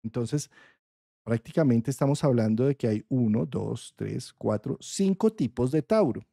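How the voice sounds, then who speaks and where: A man's voice: mid-range voice, expressive, a little slow, gravelly, dark tone, no echo, studio quality. A man from Colombia with a Colombian accent, explaining astrology in a conversational lesson and checking in often with his listeners. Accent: Colombian Spanish. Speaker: astrology teacher.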